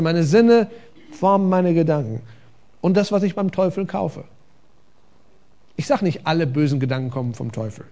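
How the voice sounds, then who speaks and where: A man preaching a conversational sermon from a church stage, with rhetorical questions and a lively, engaging delivery. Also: fairly high pitch, gravelly. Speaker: pastor.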